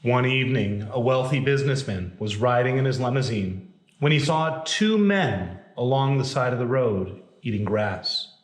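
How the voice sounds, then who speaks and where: A man delivering a reflective sermon in a measured manner, opening with a story. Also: mid-range voice, expressive. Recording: roomy echo.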